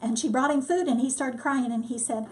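An older woman, a disaster relief volunteer, telling her story in a lively, casual way and acting out what people said. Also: high voice, brisk, a little hiss or hum. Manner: lively storyteller, acts out quotes. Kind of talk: casual testimony.

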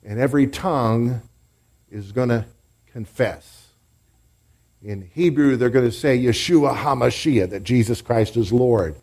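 A man's husky, slightly mellow mid-range voice moves a little slowly as he preaches. He's a pastor teaching a church congregation, guiding them through call-and-response and group praise.

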